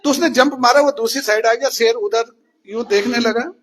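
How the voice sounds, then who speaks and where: Man, teacher, children's story, asks questions, very high voice, husky. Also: moderate pace.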